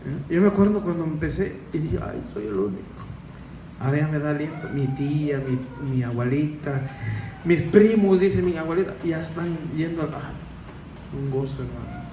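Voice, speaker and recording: A man gives an informal Bible-study sermon in a high voice, often turning to his listeners with questions. The room rings with a roomy echo. A faint background noise runs underneath. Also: normal speed, warm tone, far from the mic. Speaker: preacher.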